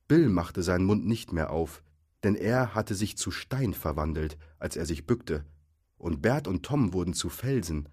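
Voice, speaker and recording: A man narrates a storybook aloud in a low, slightly husky voice. His delivery is lively and animated, rising and falling with the action. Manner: lively, expressive reading.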